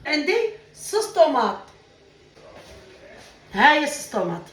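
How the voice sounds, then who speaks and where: A woman's voice: sits high, very animated, normal speed, a bit bright, a little hiss or hum. A woman demonstrating a recipe in her home kitchen, chatty and affectionate, calling her viewers sisters as she cooks. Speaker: cooking vlogger. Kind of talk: cooking demonstration vlog. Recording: echoey room, mic at a distance.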